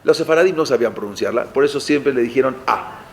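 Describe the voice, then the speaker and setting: A man's voice: mid-range voice, fast talker, slight background noise. Man lecturing with rhetorical questions. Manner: conversational, asks the audience rhetorical questions, frequent "eh" and restarts. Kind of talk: explanatory lecture.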